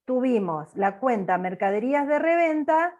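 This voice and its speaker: Female accounting teacher, bossy and loud-sounding, lecturing on a video call. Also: sits high, expressive, moderate pace. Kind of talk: online class lecture.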